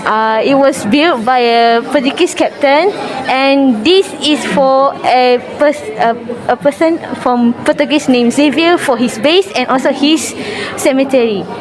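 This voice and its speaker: A woman's voice: high-pitched, unhurried, few pauses, a crowd in the background. A young woman from Singapore answering interview questions in a hesitant, repeating way. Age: young adult.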